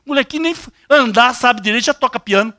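A man's voice: very high voice, fast talker, no room sound, clean studio sound, faint music behind. An older man with a Brazilian accent preaching a sermon, putting questions straight to his congregation. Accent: Brazilian Portuguese. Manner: animated, questions the congregation directly.

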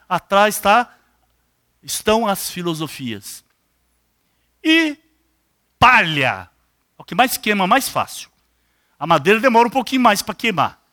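An older Brazilian preacher delivers a sermon with a lively, swooping pitch and a bright, forceful tone. He fires questions straight at his listeners. The sound is dry and close. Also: dry recording. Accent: Brazilian Portuguese. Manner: animated, questions the congregation directly.

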